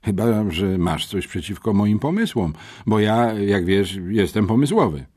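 A man voicing a calm, self-assured teenage boy full of ideas. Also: lowish voice, measured pace. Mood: confident. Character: calm unflappable teenage boy, confident schemer.

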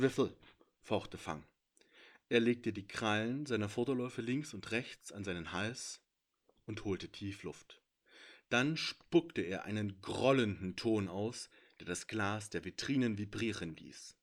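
A man narrating his own fantasy story in a measured storytelling manner. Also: lowish voice, a bit bright. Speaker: author and narrator. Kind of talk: audiobook narration.

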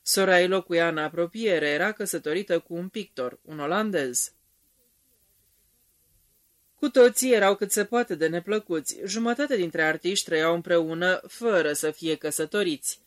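Narrator steady storytelling, reading a novel aloud at a table read. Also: mid-range voice.

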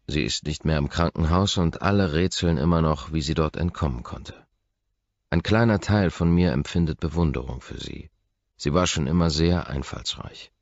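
A man narrates a first-person audiobook in a measured, introspective manner. His voice sits extremely low and carries a gravelly fry. The recording is dry and slightly dull. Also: no echo.

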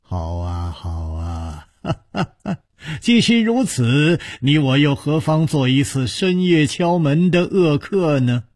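A man voicing a calm, courteous Buddhist monk who speaks softly and measuredly. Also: fairly high pitch, measured pace, hardly any pauses, dry recording, clean studio sound. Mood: courteous, genial.

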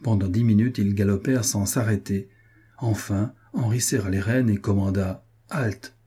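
Husky-voiced male audiobook narrator. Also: fairly low pitch, fairly even intonation, normal speed, warm tone. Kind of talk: scripted narration.

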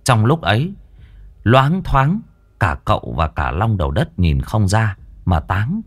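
A man's voice: on the low side, big pitch swings, unhurried. A man narrating a ghost story in a dramatic storytelling manner.

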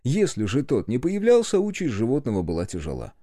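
A man reads an audiobook in the first person. His pitch moves a lot and the reading is expressive. The sound is dry and close, with no room around it. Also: brisk, no room sound. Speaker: narrator.

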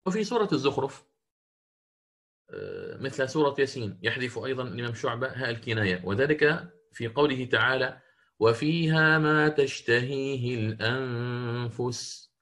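A man teaching a lesson on Quran recitation, explaining patiently and slowing down to chant verses as examples. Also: mid-range voice, huge pitch swings, vocal fry, fairly bright tone. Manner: explains patiently, checks in with listeners.

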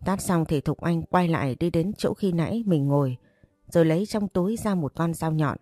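A woman narrating a dramatic audio story in a measured way. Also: sits low, dark tone, no room sound, studio quality, faint music behind.

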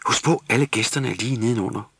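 A man's voice: medium pitch, creaky, a bit bright, slightly rough, pitched above the performer's own voice. Tulle, a man voicing a bossy girl elf. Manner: commanding, quick to scold. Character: cheeky bossy hot-tempered female Christmas elf. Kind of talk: storybook character voice.

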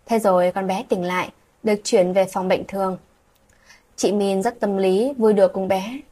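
Breathy woman narrating a late-night story. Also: medium pitch, fairly even intonation, moderate pace, warm tone.

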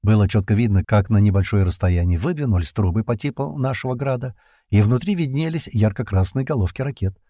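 A man narrating an adventure audiobook in the first person, in a steady storytelling manner. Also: lowish voice, fast talker, hardly any pauses, no echo, clean studio sound.

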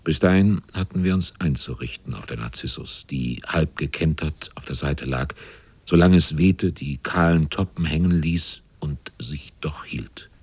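A man's voice: extremely low pitch, measured pace, a little mellow, slightly rough, no echo. A man narrating a sea story in a radio drama, grave and intense.

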